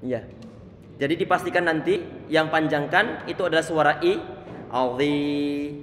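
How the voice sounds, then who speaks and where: Middle-aged male recitation teacher, a bit high-pitched, patient and repetitive, recorded in a boomy, echoing room. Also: normal speed, a bit bright, a little hiss or hum. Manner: repeats and models letter sounds, stops to check the listener; frequent restarts on words. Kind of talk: tajwid lesson explaining letter sounds. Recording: echoey room with long reverb.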